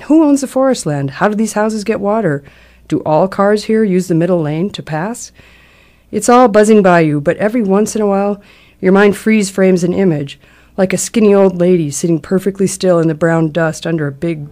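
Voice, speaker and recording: A middle-aged woman reads a scripted personal account in a measured, reflective public radio manner. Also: mid-range voice, warm tone. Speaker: essayist reading a personal travel account.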